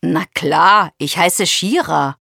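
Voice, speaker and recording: A woman voicing a young, curious female giraffe in a children's story, sounding eager and gentle. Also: on the low side, slow pace, creaky, dry recording, clean studio sound, full character voice.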